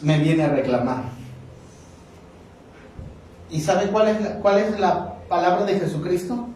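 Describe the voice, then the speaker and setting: A man preaching with a fairly high voice, passionate and dramatic, acting out the people in his story. He sounds far from the mic, and his words ring in a very echoey church hall. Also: a little slow, darkish tone, slight background noise. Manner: impassioned preaching, acting out quoted dialogue. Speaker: pastor. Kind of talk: sermon.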